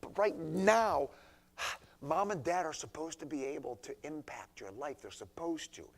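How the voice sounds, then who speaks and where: A man preaching a conversational sermon to teenagers in a church, swinging between hushed asides and emphatic points. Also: fairly high pitch, lively intonation, unhurried.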